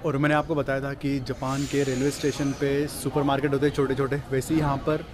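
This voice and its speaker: A man's voice: mid-range voice, flat delivery, fast, crowd noise. A young man casually chatting to viewers while walking, filming himself with a handheld action camera outdoors. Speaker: vlogger. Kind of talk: casual walking travel vlog. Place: busy city streets at night and train platform, outdoors. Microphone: handheld action camera at arm's length. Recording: street noise behind. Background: city street and station noise.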